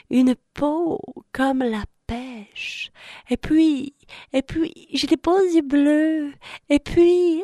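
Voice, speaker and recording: A woman voicing a small frog who says she is a bewitched princess, in a shrill, pleading, nagging voice. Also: dry recording, studio quality. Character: pushy little frog claiming to be princess.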